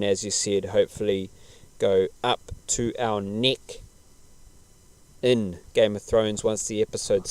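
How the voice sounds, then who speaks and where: A man's voice: on the low side, mellow, no echo. A man chatting casually as a podcast host, laid-back, slangy and rambling. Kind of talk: casual podcast chat about television.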